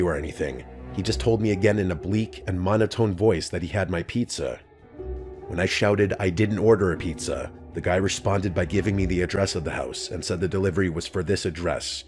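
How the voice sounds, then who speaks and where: Male horror narrator, very low voice, calm even delivery, scripted storytelling. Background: faint background music.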